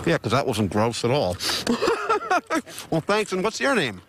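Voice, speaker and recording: A man's voice: mid-range voice, very animated, unhurried, background noise. A man reporting live for a lifestyle TV show at an outdoor fair, joking playfully with the people he interviews. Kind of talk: live on-location TV segment.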